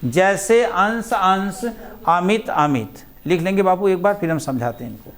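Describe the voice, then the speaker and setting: A male teacher with a fairly high voice lectures to a class. He speaks with a slight tinge. He is patient, drawing words out and repeating them so his students can follow. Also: animated, a bit bright. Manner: patient, repeats words slowly, addresses students as "babu" and "beta".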